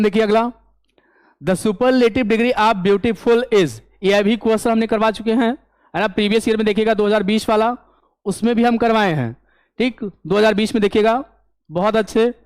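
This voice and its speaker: A man's voice: sits high, fairly quick, clear, resonant tone, no echo. Male teacher, dry close sound, step-by-step exam lesson, asks and answers his own questions. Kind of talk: exam-prep English grammar lesson.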